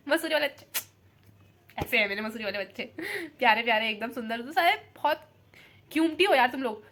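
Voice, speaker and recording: A young woman talks quickly in a casual vlog, her voice sitting a little high. She sounds emotional and affectionate, rambling from one thought to the next. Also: fairly bright tone. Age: young adult. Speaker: vlogger.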